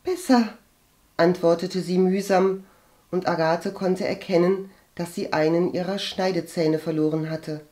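A woman reading a novel aloud in measured, even storytelling narration. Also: on the low side. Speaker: audiobook reader. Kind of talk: scripted narration.

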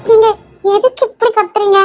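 A woman's voice: very high voice, steady tone, brisk, a little mellow, soft background music. A woman voicing a caring, fussing middle-aged mother-in-law in a cartoon. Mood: motherly. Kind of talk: cartoon voice acting.

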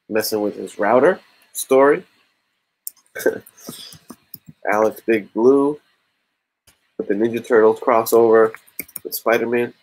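Counting raffle entries aloud during a relaxed comic-collecting livestream, a thirtysomething YouTube host talks into a webcam mic in a small room at home. The voice is lowish and a little mellow, captured on a rough recording.

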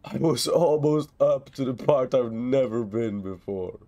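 A man's voice: mid-range voice, a little slow, warm tone, lo-fi sound. A young man doing live gameplay commentary while tipsy, rambling and repeating himself with exasperated, profane outbursts. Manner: tipsy from drinking, rambling and repetitive. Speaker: streamer playing a video game.

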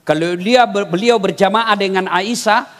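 A man from Makassar cracking jokes through a sermon, high-pitched and lively, booming reverb from the hall. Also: moderate pace. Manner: animated storytelling, jokes, bursts of loud exclamation. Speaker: preacher. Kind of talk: humorous sermon.

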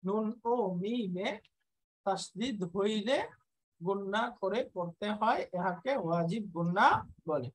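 A woman teaching Quran recitation, repeating each word slowly and patiently so students can copy it. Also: medium pitch, a little mellow, poor audio. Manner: patient, explanatory. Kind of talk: recitation drill lesson.

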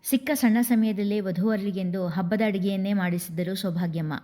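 Lady host reading a serial story, soft even delivery, mellow voice. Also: mid-range voice, a little fast. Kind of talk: scripted serial story narration.

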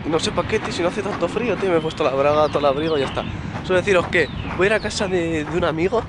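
A man's voice: on the high side, very fast. A young man from Spain with a Spanish accent chats casually and slangily to a handheld camera. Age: young adult. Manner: informal, slangy. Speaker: vlogger. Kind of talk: casual vlog chat. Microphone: camera at arm's length. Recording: noisy handheld camera with ambient sound.

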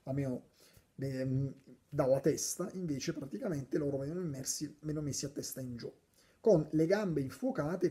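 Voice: medium pitch, warm tone. A speaker casually explaining a poem, thinking aloud with frequent restarts and now and then reciting verses. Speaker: literature explainer.

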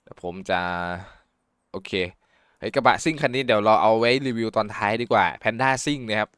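Excitable man commentating a racing game. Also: lowish voice, a little fast, clear, resonant tone, no echo, clean studio sound. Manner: excited, exclaims often, imitates engine sounds. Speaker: gameplay YouTuber.

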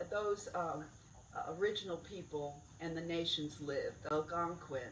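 A woman's voice: medium pitch, a little hiss or hum. An older woman giving a chatty, digressive talk at a lectern mic outdoors, stressing key words as she goes. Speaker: cave director giving a talk. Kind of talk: informal public talk. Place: outdoor event under a tent near woods. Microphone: stand mic at a lectern. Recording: roomy outdoor sound from a distant camera.

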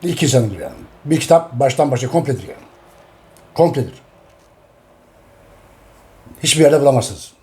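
Emphatic middle-aged man, warm voice. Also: mid-range voice, lively intonation, fast. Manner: repetitive, emphatic, repeats each phrase; addresses his audience directly. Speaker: host. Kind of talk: casual talk.

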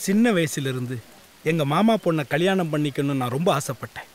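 An actor playing a lovesick young man who talks in excitable, whiny comic bursts. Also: fairly quick, noisy background, close to an everyday voice. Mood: sulky. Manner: high, excitable comic whining. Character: lovesick young man planning a jolly suicide. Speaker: comic lead. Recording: film soundtrack with music.

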